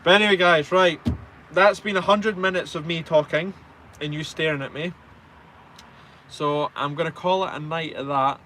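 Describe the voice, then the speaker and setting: Pitched fairly high, his pushed, bright voice keeps fairly even intonation at a moderate pace over a little hiss or hum. The speaker is a twenties-aged Scottish truck driver hosting a live stream, casually bantering with viewers at his own expense.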